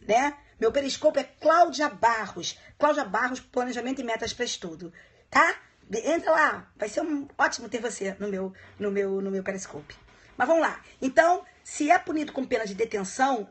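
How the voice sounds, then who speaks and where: A woman teaching law in a casual live-streamed exam review, checking in with viewers often and chatting warmly between points. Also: fairly high pitch. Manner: chatty, warm asides to viewers, frequent "tá?" checks. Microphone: phone live stream.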